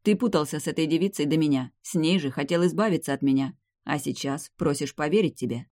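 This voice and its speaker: A man's voice: a little high, fast, a little mellow, dry recording, close to an everyday voice. A man voicing a proud, hot-tempered female vampire noblewoman who hisses her words, in an audiobook read on a dry recording. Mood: cold. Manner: hissing, cold then furious.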